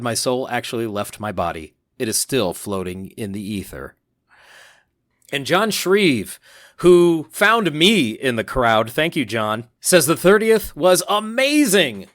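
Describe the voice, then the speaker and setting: A man co-hosting a casual podcast, reading listener messages aloud in an upbeat, animated way. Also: mid-range voice, normal speed, dry recording, clean studio sound. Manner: upbeat, reads quotes aloud with animated emphasis.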